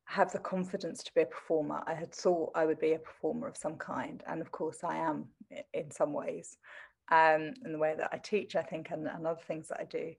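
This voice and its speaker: A middle-aged woman speaks in a slightly low register, her English accent mostly standard with traces of Essex. She is articulate and reflective, talking conversationally as an interviewee with a modest, self-deprecating manner. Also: little pitch movement, fairly quick, creaky, slightly rough. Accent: English, adopted standard with traces of Essex. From Southend in Essex, England. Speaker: teacher and interview guest.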